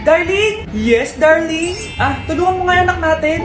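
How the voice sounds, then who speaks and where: An extremely high, excitable comedy skit voice, exclaiming with melodrama. The sound is echoey, with music clearly behind it. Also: female voice, normal speed. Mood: bickering. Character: excitable high-voiced characters in family squabble skits. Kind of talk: exaggerated comedy skit dubbing.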